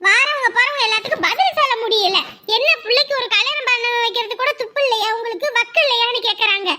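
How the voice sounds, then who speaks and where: A woman's voice: very high-pitched, fast. A woman playing a stern middle-aged mother who nags and threatens her grown daughter in a family drama. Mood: scolding. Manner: nagging, threatening, rhetorical questions. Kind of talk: Tamil family web drama.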